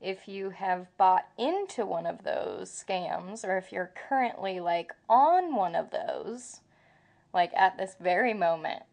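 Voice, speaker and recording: A young woman co-hosting a travel podcast, chatting casually, giggly and animated, swearing freely. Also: mid-range voice, slow, gravelly. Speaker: podcast co-host.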